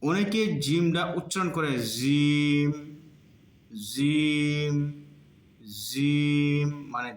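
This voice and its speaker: A man teaching pronunciation in a slow lesson. He repeats each sound in drawn-out drills to show how it should be said. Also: mid-range voice. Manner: demonstrates sounds by drawn-out repetition. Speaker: teacher of Arabic letter pronunciation. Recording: echoey room.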